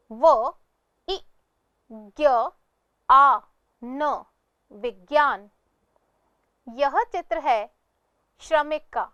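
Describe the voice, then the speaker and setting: A woman with a high voice teaches at a very slow, deliberate pace. She sounds out each syllable on its own, then asks her pupils questions and answers them herself. The recording is dry and close, with no room echo. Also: a bit bright. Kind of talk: slow scripted lesson narration.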